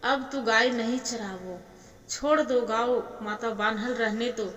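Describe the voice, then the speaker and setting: A woman's voice: fairly high pitch, fairly even intonation, takes it slowly, fairly bright tone, roomy sound, big-room sound, recorded from a distance. A woman with a Bhojpuri accent voicing a worried, tender village father coaxing his son.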